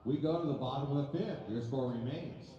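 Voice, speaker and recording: Man announcing over stadium loudspeakers. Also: medium pitch. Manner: measured, formal announcing cadence. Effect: heard through stadium loudspeakers. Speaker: stadium public address announcer. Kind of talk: formal PA announcements. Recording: echoey ballpark PA from far off, dull.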